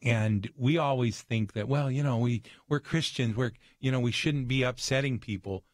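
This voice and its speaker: Man, radio guest storyteller, earnest and animated, dry close sound. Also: medium pitch, moderate pace, no room sound. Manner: earnest, animated, acts out voices in his stories.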